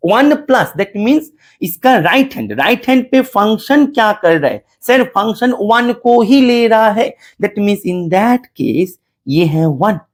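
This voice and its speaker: Man, math teacher, lively pitch, step-by-step lecturing. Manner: explains step by step, addresses students as beta, mixes English terms. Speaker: mathematics teacher. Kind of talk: exam-solution math lecture.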